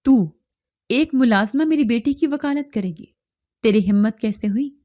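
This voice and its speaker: A woman's voice: medium pitch, steady tone, no room sound, studio quality, close to an everyday voice. A woman voicing a harsh, tyrannical feudal father who talks with scorn. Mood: furious. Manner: scornful and shouting.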